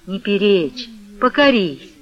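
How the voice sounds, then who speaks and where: A man voicing an earnest village headman gently urging a younger man, in a radio reading. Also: high voice, big pitch swings, takes it slowly, highs cut off, exaggerated voice. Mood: coaxing. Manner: earnest, coaxing. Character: persuasive village headman, soothing older man.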